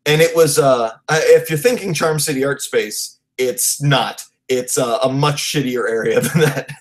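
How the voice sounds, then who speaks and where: A man's voice: medium pitch, measured pace. A man in his late twenties hosting a podcast interview, rambling and loose, laughing often in casual chat. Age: 20s. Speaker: podcast host.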